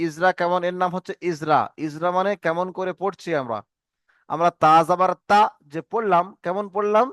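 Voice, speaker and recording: Clear-voiced man teaching a reading lesson. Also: high voice, fairly bright tone, no echo, studio quality. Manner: patient, repeats drills and asks students questions. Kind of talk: online Arabic letter lesson.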